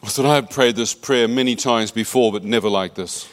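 A man telling his story in short, measured phrases, pausing between lines so they can be interpreted. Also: mid-range voice. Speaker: guest speaker giving testimony. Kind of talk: emotional spoken testimony, paused for interpreter.

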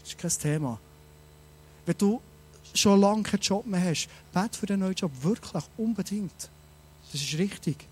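A man preaching a sermon, animated and speaking straight to his listeners with many rhetorical questions. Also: high voice, normal speed, pauses often, breathy edge.

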